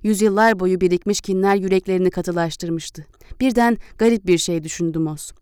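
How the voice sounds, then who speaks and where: Smooth, clear-voiced woman narrating an audiobook. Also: fairly low pitch, steady tone, moderate pace, darkish tone, no echo, studio quality. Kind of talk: scripted narration of a historical novel.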